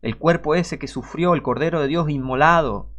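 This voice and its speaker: A man's voice: fairly high pitch, moderate pace, fairly bright tone. Preacher, male, Rioplatense Spanish accent; emphatic, rhetorical sermon delivery aimed at the listener. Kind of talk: informal online sermon.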